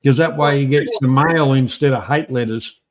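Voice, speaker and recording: A man's voice: medium pitch, moderate pace. A man trading crude, teasing jokes in a casual streamed chat with friends. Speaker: show co-host.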